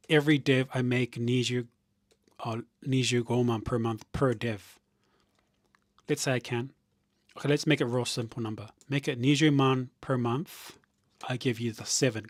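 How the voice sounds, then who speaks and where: A man of middle pitch rambles through a casual live stream, reading out viewer comments and restarting his sentences often. The sound is dry and close, with keyboard typing now and then behind him. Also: no room sound. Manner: rambling, thinking out loud with restarts; reads viewer comments aloud.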